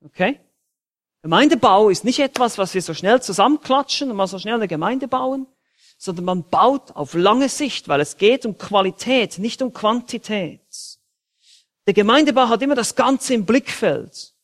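A man preaching a sermon in a church, with emphatic, dynamic delivery that rises loud and drops soft. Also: high-pitched, expressive, normal speed. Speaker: pastor.

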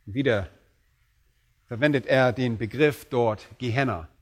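A man preaching a sermon, quoting scripture with slow, emphatic weight and dropping low on solemn phrases. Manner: emphatic, slows down and raises voice on quoted scripture.

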